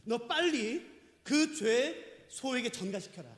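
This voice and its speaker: A man voicing a stern, solemn God who questions a sinner in a low, grave tone, in an echoey church hall. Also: animated, slow pace, fairly bright tone, full character voice. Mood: refusing.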